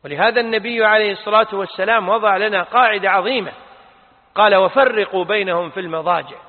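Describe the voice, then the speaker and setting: A man, an Islamic scholar, giving a religious lesson and answering listeners' questions, stressing key points emphatically. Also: high-pitched. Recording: tinny phone-like sound with long reverb.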